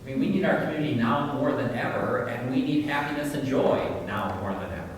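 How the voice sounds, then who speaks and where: A man's voice: mid-range voice, fast talker. A man answering on a drag performers' panel in a reflective, conversational way. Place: large reverberant room. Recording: very echoey hall, distant mic, faint noise.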